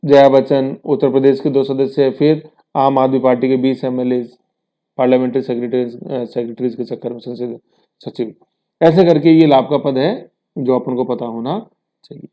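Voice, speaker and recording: A man's voice: medium pitch, level tone, moderate pace, warm tone. A man teaching an exam-prep lesson in a conversational way, with rhetorical asides to his students and English terms mixed in.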